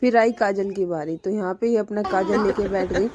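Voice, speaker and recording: A mother talks through a home clip in a casual, chatty voice-over, amused as she walks through each step. Her voice is warm and mellow, at a middling pitch, with a fairly even, level melody. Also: normal speed. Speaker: mother narrating a home video.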